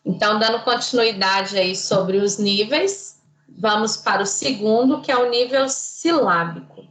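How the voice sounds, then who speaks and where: A woman's voice: mid-range voice, unhurried, a bit bright, reverberant, rough recording. A woman teaching an online class, patient and didactic, quizzing her students.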